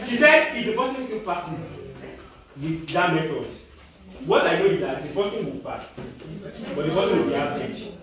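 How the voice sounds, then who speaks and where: A man with a high, swooping voice teaches a room full of students, checking again and again that they understand. He is caught from far off in a very echoey room. A loud crowd of students fills the background. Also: moderate pace, pauses often. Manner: animated, keeps checking students follow with "you understand?". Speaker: facilitator leading a class session. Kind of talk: classroom teaching and discussion. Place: classroom with students.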